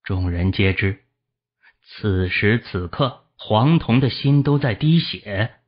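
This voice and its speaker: Reading a fantasy audiobook slowly, a narrator with a low, slightly husky voice tells the tale steadily and gives the characters their own voices. The sound quality is dull and lo-fi.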